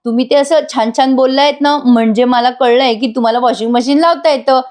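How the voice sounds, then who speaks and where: A woman's voice: high-pitched, brisk, a little mellow, voice pushed up, lightly acted. Woman reading chatty housemaid, naive, fawning, everyday voice. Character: simple chatty female housemaid.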